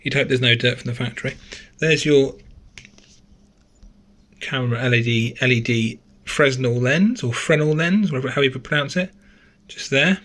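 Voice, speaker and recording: A man's voice: mid-range voice, normal speed, fairly bright tone. A man giving a casual, chatty phone teardown tutorial, thinking aloud and correcting himself as he goes, recorded on a camera mic at a desk indoors. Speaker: gadget reviewer.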